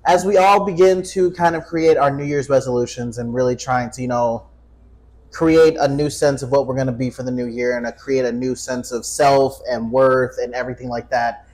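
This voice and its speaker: A man in his twenties hosts a podcast, chatting casually in a mid-range voice at a moderate pace on a low-quality recording. He jokes and swears freely, cutting himself off in animated bursts.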